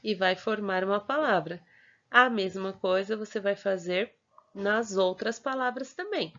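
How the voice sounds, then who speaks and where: A woman teacher with a Brazilian Portuguese accent explains a worksheet at a patient, deliberate pace. Her voice sits in a middle pitch, and she slows right down to stretch out syllables. The recording is dull and lo-fi. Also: fairly bright tone. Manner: patient, spells out syllables slowly, frequent checking tags.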